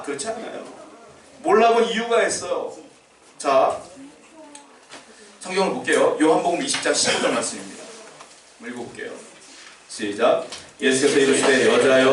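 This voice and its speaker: A man's voice: high-pitched, a bit bright, echoey room, recorded from a distance, a little hiss or hum. A male pastor preaching a sermon in a conversational way, repeating short phrases for emphasis. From South Korea. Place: church sanctuary.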